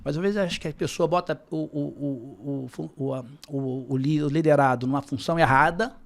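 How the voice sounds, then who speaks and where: A man speaking as a guest on a business podcast, calm and measured, often repeating words while he searches for them. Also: on the high side, creaky. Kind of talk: casual interview talk.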